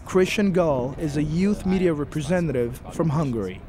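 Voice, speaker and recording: A male narrator reads a scripted documentary in a measured, even delivery. His voice sits somewhat high for a man. A crowd murmurs clearly in the background.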